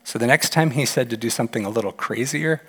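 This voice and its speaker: Male pastor, animated storyteller mid-sermon, middle-pitched voice, church hall reverb. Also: quick pace, husky. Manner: animated, acts out quoted voices with big pitch jumps.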